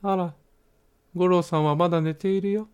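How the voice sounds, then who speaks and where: A man's voice: sits high, steady tone, normal speed, darkish tone, smooth, voice pushed up, natural voice. A man reading a children's story voices a mother who talks to herself about her stubborn son in a raised voice. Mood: exasperated. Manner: fussy, talking to herself. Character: scolding mother in a children's tale.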